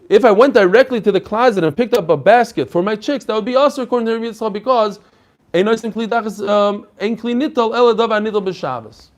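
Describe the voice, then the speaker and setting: A man giving an informal religious lesson as a rabbi, explaining conversationally and posing rhetorical questions. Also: high voice. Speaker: rabbi teaching a daily Talmud class.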